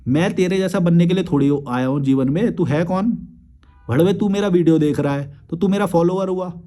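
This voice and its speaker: A man's voice: sits high, a little fast, mellow. A young man, a YouTube creator, replying to viewer comments in a blunt, crude and combative rant with frequent swearing.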